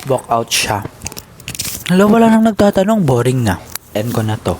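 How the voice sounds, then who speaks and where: A man's voice: mid-range voice, moderate pace. A man chatting casually on a livestream, playful and teasing as he talks straight to his viewers and reads their comments. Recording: steady background noise with clicks.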